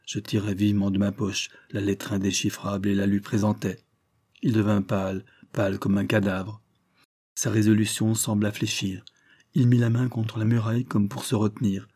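A man narrating a literary story as an audiobook, his voice low and mellow. He reads in a measured, grave way, letting each sentence land with weight. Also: little pitch movement, breathy edge. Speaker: audiobook reader.

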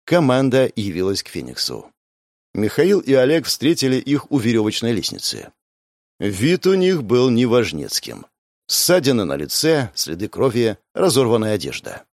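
A man narrating an audiobook in an expressive, measured way. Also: mid-range voice, no room sound, studio quality. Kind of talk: scripted narration.

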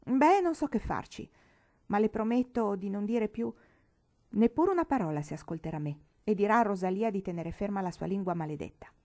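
A woman reading an audiobook, voicing a brash, horse-mad teenage girl who talks loudly and keeps interrupting. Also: mid-range voice, animated, brisk, lightly acted. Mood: boisterous. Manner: loud, blustering, interrupting.

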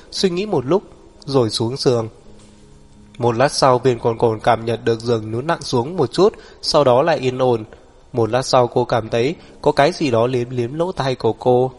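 A man narrating an audiobook in a steady, even reading style. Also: mid-range voice.

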